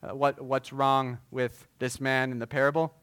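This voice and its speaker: A man preaching a sermon as pastor, earnest and measured, with frequent filler words. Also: medium pitch, little pitch movement, fairly bright tone, clear, resonant tone, dry recording.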